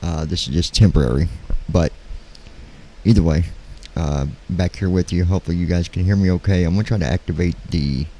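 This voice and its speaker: A man live-streaming in casual, halting talk, keeping his voice quiet at night so as not to wake anyone. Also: deep voice, a little hiss or hum, low-quality recording. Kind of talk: casual chat, flight sim livestream. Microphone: handheld studio microphone.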